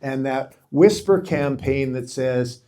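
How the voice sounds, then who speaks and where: A man's voice: medium pitch, slow, warm tone. A middle-aged man giving an earnest, inspirational talk to a group of men, speaking with a preacher-like, emphatic cadence. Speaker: speaker at a men's gathering.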